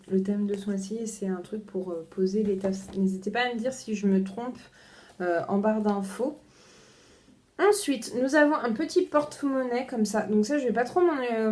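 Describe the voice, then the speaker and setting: A woman's voice: medium pitch, darkish tone. A young woman chatting casually as she unboxes a book subscription box, talking to her front-facing camera with many hesitations and repeated words. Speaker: book vlogger.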